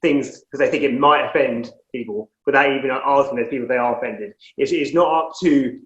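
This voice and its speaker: A man in a casual podcast discussion who speaks earnestly and softens his opinions with hedges. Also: medium pitch, fairly quick. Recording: roomy dull lo-fi audio.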